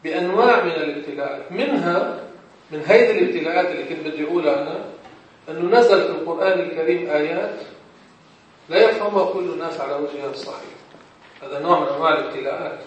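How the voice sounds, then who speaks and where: A man with a Levantine Arabic accent gives a religious lesson in a voice pitched a little high. He asks rhetorical questions and answers them himself. He sounds distant, caught by a far-off mic in a very echoey room. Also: racing. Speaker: religious teacher.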